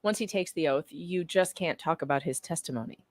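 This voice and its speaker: Her voice is deep and a little fast as she reads transcript lines in a relaxed, teasing way. She's the guest co-reader in a casual dramatic reading of court testimony mixed with banter.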